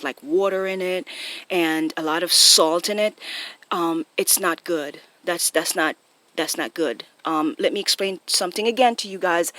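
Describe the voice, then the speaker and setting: An online video host with a Jamaican accent and a mid-range, fairly bright voice explains things informally and spontaneously to viewers on a phone recording, frequently adding short tag questions.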